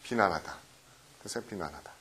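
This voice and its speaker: A middle-aged man teaching English vocabulary in a recorded lecture, often quizzing his students with quick questions and tag checks. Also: low voice, lively intonation, sharp tone, a little hiss or hum. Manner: mixes English words into explanations.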